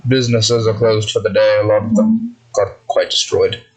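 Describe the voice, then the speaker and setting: A man's voice: on the low side, level tone, normal speed, breathy edge, low-quality recording. Man running a tabletop game. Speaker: game master. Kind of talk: narrating a tabletop game and voicing characters.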